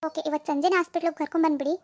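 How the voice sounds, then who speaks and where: A woman voicing a calm doctor in a cartoon, explaining patiently and reassuring the worried parents. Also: high voice, very fast, dry recording, close to an everyday voice. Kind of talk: Kannada cartoon voice acting.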